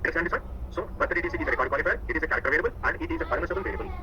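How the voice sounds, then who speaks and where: A man teaching a class over a video call, speaking very quickly and repeating each point to make sure it sticks. His voice is bright and a little high, and he keeps checking that the students follow. A faint hiss of noise sits under the call. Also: poor audio. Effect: heard over a video call. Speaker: instructor. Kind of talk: online class lecture. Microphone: computer mic on a video call.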